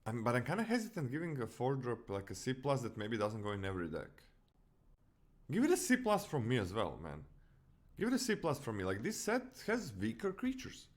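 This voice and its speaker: A man's voice: medium pitch, a little fast. A man from Croatia with a Croatian accent, co-hosting a casual card-review podcast, often restarting and correcting himself. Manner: animated, many restarts and self-corrections. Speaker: podcast co-host.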